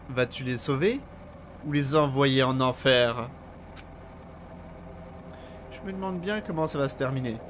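A man reading the lines of a calm, scheming young man who taunts his classmates, in a measured, slightly theatrical way. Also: medium pitch, slight background noise, close to an everyday voice. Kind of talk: reading game dialogue aloud.

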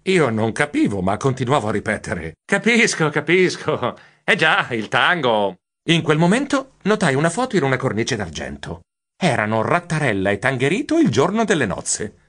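A man as Geronimo Stilton, a swooping, animated mouse narrator. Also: medium pitch, moderate pace. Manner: expressive, swooping exclamations. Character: nervous, romantic male mouse narrating his tale. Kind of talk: audiobook narration.

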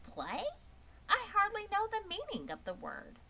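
A woman's voice: very high-pitched, wildly swooping pitch, a little slow, vocal fry, pushed and bright, slight background noise, pitched above the performer's own voice, exaggerated voice. A woman reading aloud and voicing a crafty, gluttonous male rat who talks sourly and haughtily. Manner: sour, haughty.

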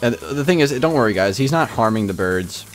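A young man chatting casually on a gaming livestream, rambling with lots of "like" and ranting in an animated way. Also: medium pitch, fairly quick, soft background music. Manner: rambling, heavy use of filler "like", animated ranting.

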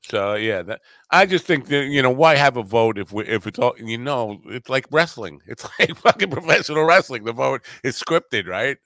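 A man's voice: medium pitch, expressive, normal speed, a bit bright, no echo. A man hosting a casual panel show, rambling and joking with some profanity. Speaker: host.

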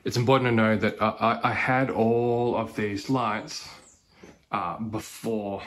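A man in his thirties giving a casual walkthrough of his home kitchen streaming setup, talking in a relaxed, conversational way with frequent fillers. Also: fairly low pitch, slow pace. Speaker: cooking streamer.

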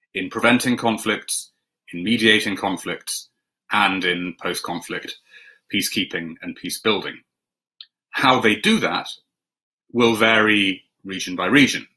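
A middle-aged man from Finland moderating an online panel over a video call, measured and steady with frequent 'uh' and 'um'. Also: fairly low pitch. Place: home room, indoors.

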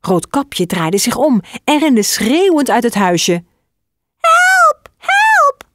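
A woman narrating a children's fairy tale in an expressive, scripted reading. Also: a little high, slow pace, noisy background.

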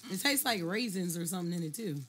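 A woman's voice: lowish voice, animated, a bit bright, a little hiss or hum. A woman co-hosting a podcast, joking and sassy in casual chat. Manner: joking, sassy, quick quips. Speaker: podcast co-host, former radio host.

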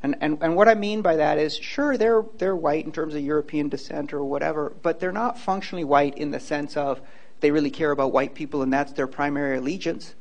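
A man's voice: on the high side, steady tone, a little fast. A man in his fifties giving a public lecture and taking questions on a handheld microphone, earnest and emphatic, often repeating words as he starts a point. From Hawaii. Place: large lecture hall, indoors.

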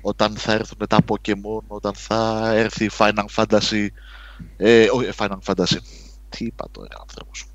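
A man's voice: fairly low pitch, dull audio. A man on a podcast panel, thinking his points through and restarting sentences as he goes. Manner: thoughtful, analytical, restarts sentences. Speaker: podcast co-host. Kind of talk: casual panel discussion.

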